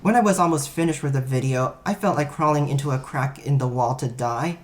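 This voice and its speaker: A man's voice: mid-range voice, fairly quick. A man reading a first-person story aloud, in a wry, self-mocking storytelling manner. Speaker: narrator.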